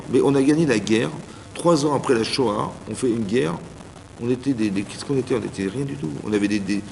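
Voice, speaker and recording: A man giving an informal Torah class as a rabbi, animated, speaking straight to his listeners and acting out little dialogues. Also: mid-range voice, gravelly. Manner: animated, addresses listeners directly, acts out dialogues. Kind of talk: informal sermon. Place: community hall. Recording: reverberant hall, faint background noise.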